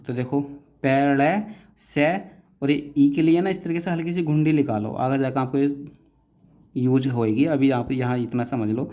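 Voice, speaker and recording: A man's voice: medium pitch, dark tone. A man teaching shorthand step by step, patiently breaking words into syllables and strokes and calling his students "beta".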